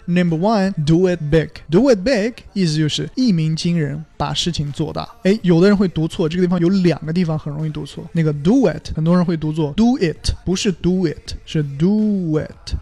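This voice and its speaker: A man, teaching English words from a song, lively, often breaking in with an interjection and slowing down to show how words sound. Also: on the high side, dry recording. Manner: lively, keeps breaking in with "ai", slows down to demonstrate pronunciation. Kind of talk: explaining song vocabulary to listeners.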